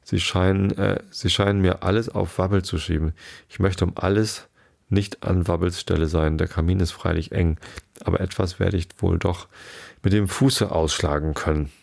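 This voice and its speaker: A man voicing a curious young girl in a storybook reading, talking quietly to herself. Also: low-pitched, steady tone, moderate pace, creaky. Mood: musing. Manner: muttering to herself.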